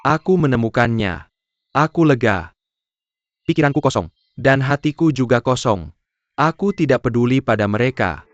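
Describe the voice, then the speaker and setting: A man's voice: mid-range voice, lively intonation, normal speed, pauses often, dry recording, close to an everyday voice. A man dubbing a defensive husband. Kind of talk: dubbed drama dialogue. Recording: dull lo-fi dub with music behind.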